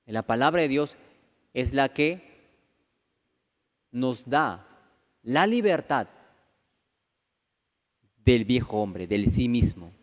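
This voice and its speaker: A man's voice: medium pitch, expressive, takes it slowly, pauses often. A man preaching a conversational sermon as pastor, peppering the congregation with rhetorical questions and acting out the voices of churchgoers. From Peru. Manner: acts out quoted voices of churchgoers. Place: church hall. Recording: reverberant church hall.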